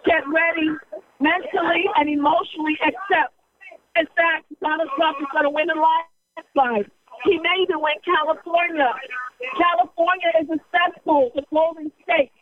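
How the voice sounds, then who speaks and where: A woman's voice: very high voice, fairly even intonation, moderate pace, crowd noise. A woman giving an impassioned political speech outdoors at a street rally, emphatic and repetitive, firing rhetorical questions at her listeners. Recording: dull lo-fi recording.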